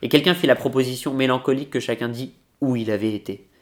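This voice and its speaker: A man reading a passage from a novel aloud in a measured, steady literary manner. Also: medium pitch.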